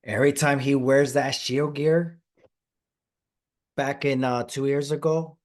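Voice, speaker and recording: A man hosting a wrestling podcast, chatting excitedly and stressing his points, his voice a bit hoarse. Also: mid-range voice, measured pace. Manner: excited, emphatic, repeats phrases. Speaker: podcast host. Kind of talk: casual podcast chat.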